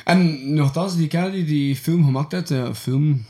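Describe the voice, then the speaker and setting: Brief: Flemish male co-host, blunt and casual, slightly high pitch. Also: moderate pace, dark tone. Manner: blunt, mixing in English slang. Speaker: podcast co-host. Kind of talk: casual chat.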